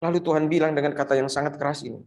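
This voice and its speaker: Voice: medium pitch, steady tone, very fast, darkish tone. A preacher delivering a sermon over a video call, retelling a story with emphatic repetition.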